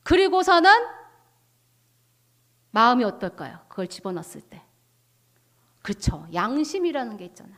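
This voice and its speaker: A woman missionary preaching a testimony sermon, telling a story with lively asides and questions to the audience. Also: fairly high pitch, moderate pace, long pauses.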